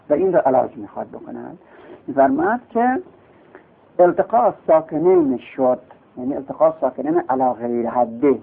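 A man's voice: on the high side, gravelly. A male teacher giving a classroom lecture, explaining step by step and asking and answering his own questions. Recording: tinny lo-fi recording.

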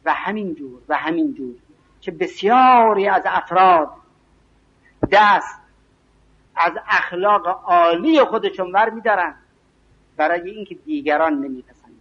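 A man giving an evening religious lecture, speaking slowly and emphatically and reciting scripture and verse. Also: high voice, lively intonation. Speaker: preacher. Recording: dull lo-fi recording.

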